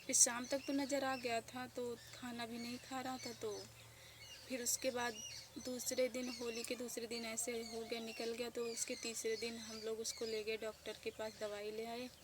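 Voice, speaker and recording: A woman in her thirties speaking softly with grief as she tells a casual village vlog story outdoors. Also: a little high, flat delivery, moderate pace. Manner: grieving, soft-spoken. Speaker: village vlogger. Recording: noisy outdoor village ambience.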